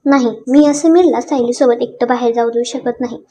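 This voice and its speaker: Jealous young husband, snapping, high-pitched, woman storyteller voicing him. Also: brisk, a little hiss or hum, close to an everyday voice. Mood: irritated. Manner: snapping, sharp.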